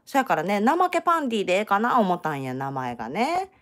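A woman's voice: mid-range voice, big pitch swings, quick pace, fairly bright tone. A middle-aged woman with a Kansai accent, chatting and joking casually while crocheting on a live stream. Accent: Kansai Japanese. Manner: chatty, teasing, joking banter. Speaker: crochet channel host.

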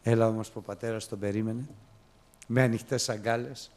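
A man preaching a sermon, telling the story with lively, acted-out storytelling. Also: on the low side. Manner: animated storytelling, acting out biblical characters with raised, excited voice.

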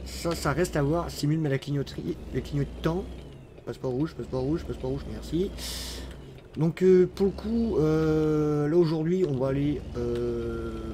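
A man's voice: a little high, mellow, slight background noise. A man giving casual, rambling gameplay commentary, full of fillers and playful asides. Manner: chatty, rambling, many fillers and restarts. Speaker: gaming YouTuber.

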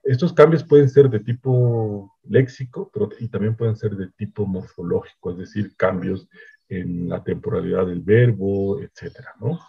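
A man giving a measured academic lecture, often checking in with his listeners. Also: fairly low pitch, vocal fry, husky. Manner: explanatory, measured, frequent "¿no?" checks. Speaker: linguistics researcher giving a lecture. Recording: dull lo-fi online talk audio.

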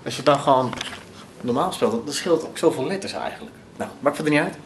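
A man's voice: mid-range voice, expressive, quick pace, a little hiss or hum. Young Dutch-speaking man vlogging on the go. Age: young adult. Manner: rambling, many fillers, self-filming while walking and travelling. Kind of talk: casual vlog chat. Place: attic room, then city streets, lobby and train. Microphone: handheld camera at arm's length.

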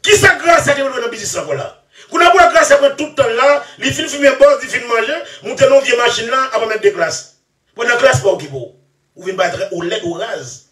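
A man talking in a rambling, excitable way, laughing often and trailing off into mumbles. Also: very high-pitched, fairly quick. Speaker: musician interviewee. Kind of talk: animated rambling interview talk. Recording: echoey room, far from mic.

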